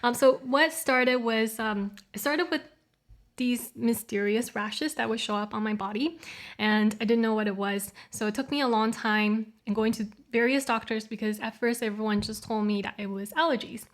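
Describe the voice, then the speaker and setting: A woman in her thirties, born in Taiwan and raised in Canada, talks as a podcast guest. Her voice sits a little high. She speaks in an easygoing, open way and laughs often. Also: steady tone, moderate pace. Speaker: guest, yoga studio founder. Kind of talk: interview conversation.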